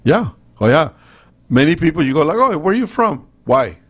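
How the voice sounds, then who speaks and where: A man's voice: on the high side, sing-song, normal speed, a bit bright, husky. A middle-aged man from Costa Rica with a Costa Rican Spanish accent, hosting a talk radio show in a rambling, anecdotal way. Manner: rambling, anecdotal, with many restarts.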